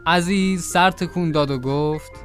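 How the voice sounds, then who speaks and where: A man narrating a comic audio drama in a lively storytelling manner. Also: fairly high pitch, soft background music.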